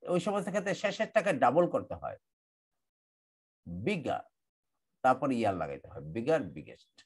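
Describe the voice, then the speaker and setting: A man from Bangladesh teaches English grammar online through a computer mic, his Bangladeshi accent clear. His mid-range voice swings hugely in pitch as he slowly lays out rules, repeats words and spells them out.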